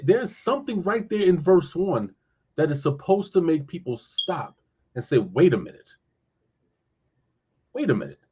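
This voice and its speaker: A man with a husky, slightly breathy voice talks scripture in an animated, casual way, often stopping on fillers as he gathers his thoughts. The recording sounds dull and lo-fi. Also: sits high. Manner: animated, searching for words with many fillers. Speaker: co-host discussing scripture. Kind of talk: casual discussion.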